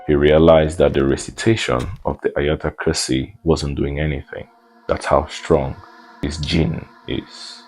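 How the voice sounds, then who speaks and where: A man's voice: rumbling low, little pitch movement, measured pace, darkish tone, faint music behind, rough recording. A man narrating a spooky story in a casual storytime style, laid-back with joking asides.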